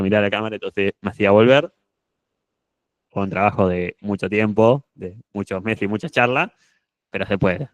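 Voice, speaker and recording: A young man with a Rioplatense Spanish accent runs an online public speaking workshop, often shifting his volume and pitch to demonstrate. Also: smooth, no room sound, highs cut off.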